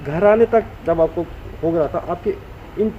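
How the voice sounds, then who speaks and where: A man's voice: high voice, measured pace, phone-quality sound, slight background noise. A man with a Jammu Hindi accent interviewing a guest, probing with questions and slipping into English phrases. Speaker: news interviewer.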